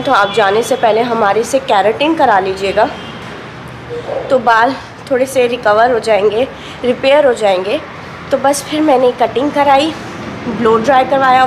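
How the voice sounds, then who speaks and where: A woman's voice: on the high side, moderate pace. A young woman from Pakistan chatting casually to a phone camera held at arm's length, telling her story in a car and at a salon. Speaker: vlogger. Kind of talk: casual vlog chat to camera. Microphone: handheld phone camera at arm's length. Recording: noisy street and car background.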